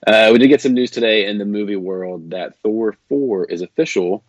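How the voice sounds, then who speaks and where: A man's voice: fairly low pitch, moderate pace. A male podcast host chatting casually from a makeshift travel setup, his voice slightly robotic and metallic. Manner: easygoing, chatty, many fillers and restarts. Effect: slightly robotic, metallic-sounding voice. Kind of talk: casual chat. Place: away from home at a conference. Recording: dull, dry lo-fi sound.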